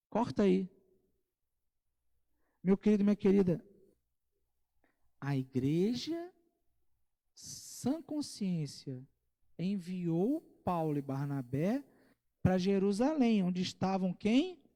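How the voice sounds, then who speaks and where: A man with a Brazilian Portuguese accent leads a Bible study. He reads scripture slowly, then explains it in a casual way with asides and light humor. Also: high-pitched, warm tone, big-room sound. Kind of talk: conversational Bible study teaching. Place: church.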